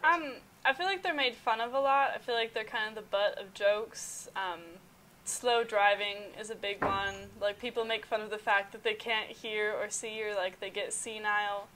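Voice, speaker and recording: A woman's voice: medium pitch, fairly even intonation, normal speed, bright, forceful tone, slight background noise, poor audio. A young woman of eighteen, a college freshman giving thoughtful interview answers with many "um"s.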